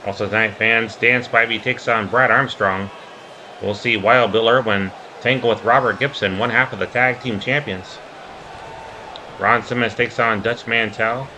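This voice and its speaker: A man's voice: lowish voice, steady tone, normal speed, bright, forceful tone, rough recording. A man hosting a wrestling broadcast, giving sports commentary and play-by-play. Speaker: wrestling commentator and show host. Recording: clear background noise behind the voice.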